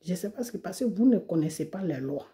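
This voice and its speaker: Quick and animated, a lowish, dark-toned female voice fires off rhetorical questions in an indignant monologue to the camera. The speaker is a video creator from Côte d'Ivoire, recorded on a phone or camera mic.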